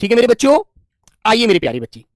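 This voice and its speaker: A man's voice: very high voice, very animated, no echo. Male grammar tutor, coaxing and reassuring with his students, stretches words out when dictating, dry close recording. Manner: affectionate and reassuring, keeps calling students "dear children"; dictates slowly word by word while writing. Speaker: Hindi grammar teacher. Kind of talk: online exam-prep grammar lesson.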